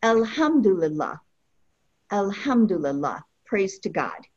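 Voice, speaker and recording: Patient woman language teacher, slightly breathy voice with a lively pitch, on a dull lo-fi recording. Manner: slow, patient, repeats each phrase for learners. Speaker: Arabic teacher. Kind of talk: online language lesson.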